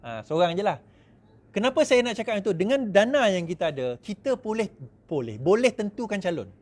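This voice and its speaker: A middle-aged man with a Malaysian accent, giving an animated speech to supporters, mimicking others in quick asides and laughing often. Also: high-pitched. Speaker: politician speaking to supporters.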